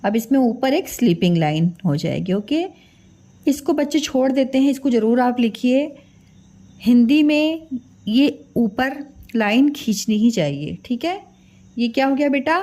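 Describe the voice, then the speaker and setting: A woman's voice: on the high side, lively intonation, measured pace, dark tone. A woman teacher giving a children's alphabet lesson, patiently repeating each sound and quizzing the children. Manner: mixes English drawing words into her talk. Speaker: Hindi teacher.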